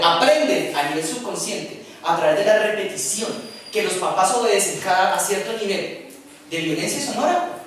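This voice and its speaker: A man's voice: high voice, a little hiss or hum. A man preaching a sermon, speaking conversationally and putting questions to the congregation. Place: church. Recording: echoey church from far off.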